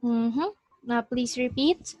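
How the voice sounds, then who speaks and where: A woman's voice: a little high, slow, a little mellow, no echo. A woman teaching a one-on-one pronunciation lesson, instructing and repeating words and phrases for the learner. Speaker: English teacher.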